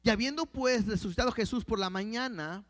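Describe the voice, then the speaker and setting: Male pastor, high voice, stop-start explaining between readings, echoing hall. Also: brisk, fairly bright tone. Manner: reads verses aloud, then explains with many restarts. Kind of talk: sermon with Bible reading.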